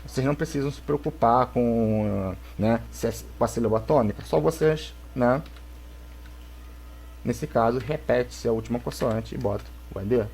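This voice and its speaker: A man's voice: mid-range voice, a little mellow. Brazilian man teaching English to kids. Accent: Brazilian Portuguese. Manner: explains slowly, checks in with "tá?" and "né?". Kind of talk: recorded remote lesson. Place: home, for a video lesson.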